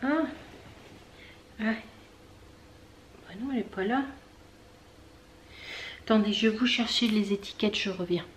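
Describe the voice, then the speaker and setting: A woman hosting a knitting video podcast from home, chatting casually with many fillers, pausing to search for words and things. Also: medium pitch, a little hiss or hum. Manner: chatty, talks straight to viewers. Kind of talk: casual show-and-tell chat.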